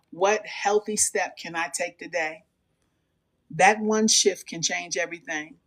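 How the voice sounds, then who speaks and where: A host of a faith channel giving a devotional message of encouragement, speaking directly to the listener in a measured, repetitive, affirming cadence. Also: mid-range voice.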